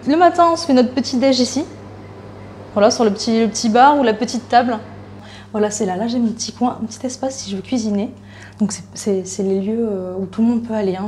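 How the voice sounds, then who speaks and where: Young woman, travel vlogger, casual walkthrough, slightly high voice, filler-heavy chatter, handheld camera. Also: a little mellow, a little hiss or hum. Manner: chatty, hesitant, lots of fillers and restarts. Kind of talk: casual vlog chat, walking tour. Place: guest house indoors, walking around.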